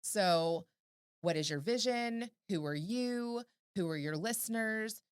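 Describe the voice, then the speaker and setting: A woman's voice: medium pitch, animated, slow, clean tone, no room sound, studio quality. A woman guesting on a podcast, giving advice by firing off strings of rhetorical questions. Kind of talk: casual podcast chat.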